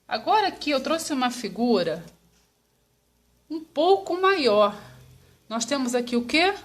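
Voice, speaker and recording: Speaking with a Brazilian Portuguese accent, this female teacher leads young kids through a slow lesson, carefully pronouncing each syllable. She has a high voice with big swings in pitch.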